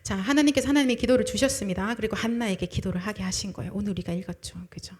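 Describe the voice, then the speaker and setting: A woman preaching a sermon at a young adults' service, shifting between loud emphasis and soft breathy asides and acting out people's words. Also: medium pitch, racing. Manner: acts out people's words in quoted voices.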